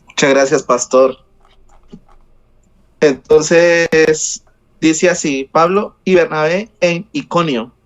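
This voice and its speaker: A man reading scripture aloud in a Bible study over a video call, slow and halting, with slips he corrects. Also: fairly high pitch, muffled recording.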